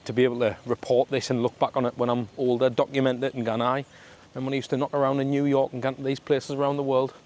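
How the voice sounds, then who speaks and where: A man's voice: mid-range voice, little pitch movement, fast talker, hardly any pauses, a little mellow. A man with a Sunderland accent chatting casually as he vlogs outdoors on the street, in a matey way full of regional slang. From Sunderland, north-east England. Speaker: travel vlogger. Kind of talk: casual walking vlog chat to camera. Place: outdoors on a suburban street in the rain. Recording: outdoor street and traffic noise.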